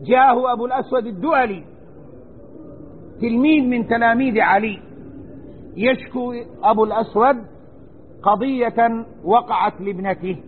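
A man gives a religious lesson, his voice set very high. He is emphatic and circles back over the same phrases to correct pronunciation. It is a tinny, narrow recording with a faint hiss underneath. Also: moderate pace, long pauses. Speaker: Islamic scholar teaching Quran commentary.

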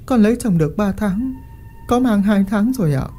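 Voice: mid-range voice, animated, normal speed, mellow, soft background music, pitched above the performer's own voice, lightly acted. A reader voicing a frightened, pregnant young peasant woman who stammers and pleads. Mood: pleading.

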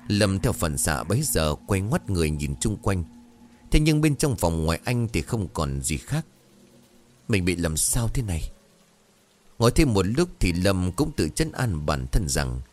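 A man narrating a ghost story and voicing its characters in the dialogue. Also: low voice. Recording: faint music behind.

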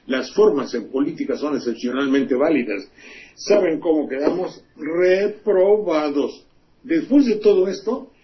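A man, hosting a radio commentary show, delivering indignant political criticism full of scornful rhetorical questions and profanity. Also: medium pitch. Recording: dull lo-fi radio recording, faint hiss.

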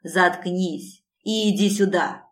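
A man's voice: high-pitched, slow, a bit bright. Woman voicing a snarling abusive man, coarse insults, audiobook. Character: brutal, abusive male ex-husband.

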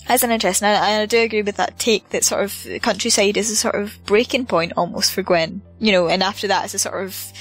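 A woman's voice: medium pitch, low-quality recording. A woman in casual discussion, thoughtful and loose, hedging as she talks.

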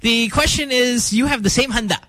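A man hosting a morning radio show, joking around and taking calls with loose, animated banter. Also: very high-pitched, fairly quick. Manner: joking, animated, swears freely.

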